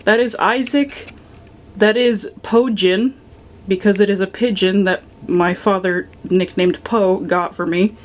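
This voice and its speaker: This Philadelphia woman, young and playful, gives a casual narrated tour of the sewing room and office in her home. Her voice is mid-range with fairly even intonation at a measured pace, and she cracks dry, affectionate jokes about her toy collection.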